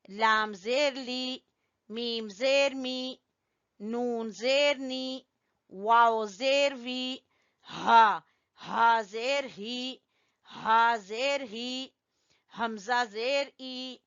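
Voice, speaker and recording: A woman teaching Quran recitation, slowly spelling out letters and vowel marks and having learners repeat them after her. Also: fairly high pitch, clean tone, highs cut off. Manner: corrects learners gently. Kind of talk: slow drilling lesson with call-and-response.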